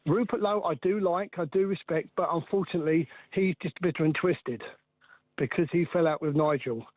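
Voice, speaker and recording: Man in his sixties, caller from England, hesitant with lots of ums, fairly high voice, dry close sound. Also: normal speed, no room sound, narrow, tinny audio. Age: 60s. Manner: hesitant, full of ums and restarts. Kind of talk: phone-in call.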